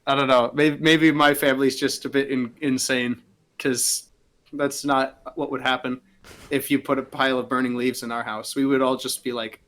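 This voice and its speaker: A man's voice: mid-range voice, flat delivery, moderate pace, fairly bright tone. A young man co-hosting a podcast, chatting casually in a rambling, giggly way with lots of fillers. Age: young adult. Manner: rambling, giggly, says "like" a lot. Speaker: podcast co-host. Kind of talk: casual chat.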